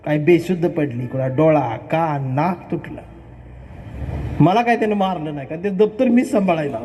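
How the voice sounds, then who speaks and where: A man speaking as a poet at an award ceremony, telling a story on stage in an animated way and acting out the voices. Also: moderate pace, slight background noise. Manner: animated, acts out voices, swings between high and low. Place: large hall at a ceremony. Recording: echoey hall reverb.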